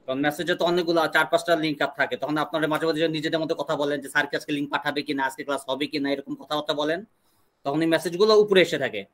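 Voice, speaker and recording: A young man with a Bangladeshi accent teaching an online English class, slowly drilling questions and answers for students to repeat. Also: a little high, fairly even intonation, a bit bright. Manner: slow deliberate drilling of English sentences.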